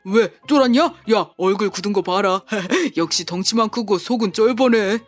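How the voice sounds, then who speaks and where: A man playing a shrill cowardly young scammer. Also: moderate pace, soft background music, lightly acted. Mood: taunting. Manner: stammering, swings from taunting to groveling. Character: petty young male scammer, hotheaded bully turned coward. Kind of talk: audio drama acting.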